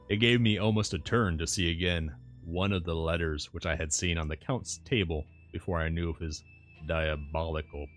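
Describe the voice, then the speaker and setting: A man reading a classic novel aloud as a streamer, in audiobook-style narration with measured, deliberate phrasing. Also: low voice. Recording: music playing behind the voice. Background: background music.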